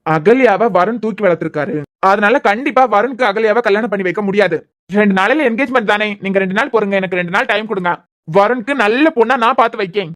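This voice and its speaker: In her natural, medium-pitched voice at a quick pace, a woman performs a sarcastic young man from a cartoon serial. With a Kanyakumari Tamil accent, the sly, shrewd character keeps probing his family with needling questions.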